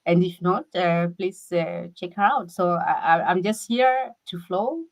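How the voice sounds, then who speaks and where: A woman speaks over a video call with a somewhat low voice. She talks haltingly, restarting her phrases again and again as she chats. She is a guest in a relaxed conversation. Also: low-quality recording. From Kenya. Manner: halting, with many repeated restarts. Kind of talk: casual conversation.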